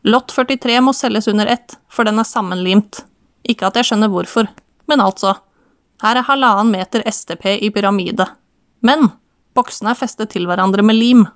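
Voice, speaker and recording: Woman reading a brisk Southern Norwegian male auctioneer for an audiobook, chatty wry patter, dry studio sound. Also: sits high, a bit bright, clear, resonant tone, no echo.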